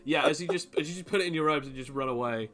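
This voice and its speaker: A man narrating as game master in a tabletop role-playing game, laughing often and slipping into quick voices for side characters. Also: on the high side, a bit bright, soft background music.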